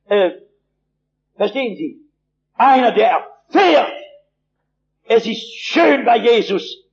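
Man preaching, high voice, vivid emphatic storytelling, dry humor, dull lo-fi old recording. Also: lively intonation, slow. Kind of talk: sermon.

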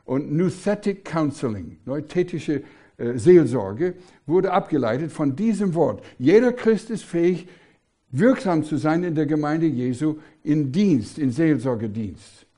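Older male preacher, mellow, slightly raised voice, emphatic sermon with rhetorical questions. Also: fairly high pitch, animated, a little slow.

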